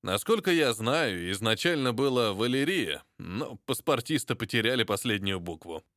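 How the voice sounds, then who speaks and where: A man's voice: mid-range voice, animated, normal speed, fairly bright tone, no echo, clean studio sound, natural voice. An actor playing a gloomy, terse male ex-special agent in an audiobook who speaks curtly and reluctantly. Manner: curt, reluctant.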